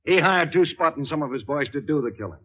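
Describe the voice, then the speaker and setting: An actor playing a brusque, sarcastic police inspector in a 1940s radio crime drama, with a clipped, domineering delivery. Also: male voice, a little high, lively intonation, fast. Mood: smug, insistent. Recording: dull lo-fi 1940s radio recording.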